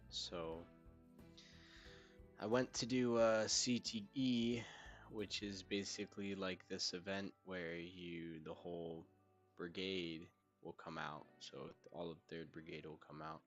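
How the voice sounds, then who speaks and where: A young man with a very deep voice and a sharp, bright edge chats on a podcast. He jokes crudely and swears freely, keeping it loose. His talk comes across as tense and forceful. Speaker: podcast co-host. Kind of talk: casual chat.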